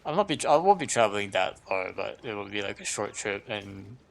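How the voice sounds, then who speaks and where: Speaking briskly with lively intonation, a man with a lowish, creaky voice chats on his livestream. He thinks aloud, hesitates, rambles and repeats himself often.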